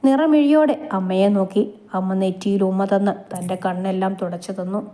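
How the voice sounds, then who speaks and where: A woman reading a romantic family story aloud in a gentle, steady storytelling manner. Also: medium pitch, fairly quick.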